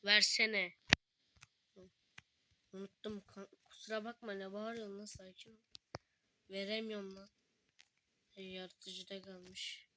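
A woman's voice: mid-range voice, little pitch movement, moderate pace, pauses often, background noise. Joking, foul-mouthed young woman gamer. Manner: joking, swears freely, chatty with a friend. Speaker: gaming video host. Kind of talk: casual gameplay commentary.

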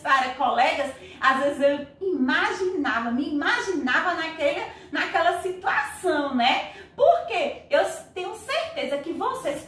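Lively Bahian teacher in an echoey room. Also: female voice. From Brazil. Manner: animated, acts out story voices with sweeping pitch. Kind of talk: recorded remote class for children. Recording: very echoey room, voice from far off mic.

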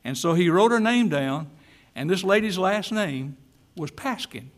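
A man's voice: sits high, animated, a little slow. A man preaching a sermon in a church, telling a story and then making an emphatic appeal before leading a prayer. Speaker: pastor.

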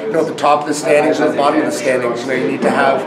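A man in his thirties, a head coach answering reporters after a game, halting with many fillers and restarts. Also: mid-range voice, level tone, over a noisy crowd. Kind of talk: post-game press scrum. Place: arena press area, indoors.

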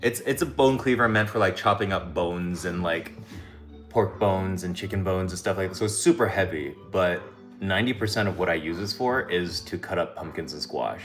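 A deep-voiced man in his thirties hosts a casual cooking livestream from his home kitchen, speaking at normal speed. He's relaxed and rambles, using lots of "like" and "um." The camera sits a few feet away, and faint music plays behind him.

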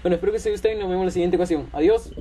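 A man's voice: high voice, steady tone, racing, mellow, slight background noise, rough recording. A man commentating a horror game, his voice trembling with fear as he mutters and yelps nervously. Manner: jittery, frightened exclamations and muttering. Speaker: gaming channel host.

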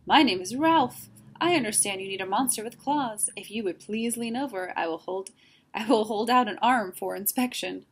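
A woman reading aloud, voicing a prim, fussy male monster with a high, silky voice. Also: normal speed, breathy edge.

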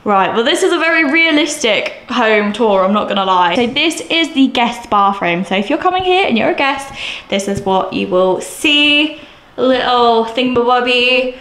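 Chatty and full of excitement, a young woman vlogs a tour of her new, mostly bare flat, speaking at a normal speed in a high-leaning voice. The sound comes from her handheld camera mic, and the empty indoor rooms echo around her.

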